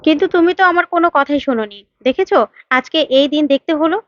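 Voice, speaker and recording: Sharp-tongued neighbor woman, scolding, high-pitched, put on by a female narrator. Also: expressive, fast, dry recording, lo-fi sound. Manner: scolding, fault-finding.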